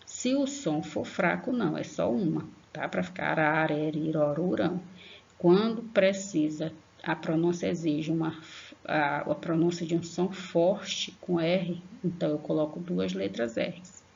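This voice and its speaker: A Brazilian woman teaching an online grammar lesson to young children, affectionate, slowly spelling out syllables and checking in with a questioning "tá?". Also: on the low side, vocal fry, a little mellow. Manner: affectionate, tags sentences with a questioning "tá?"; slow, emphatic spelling-out of syllables. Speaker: primary school teacher. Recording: lo-fi online class recording.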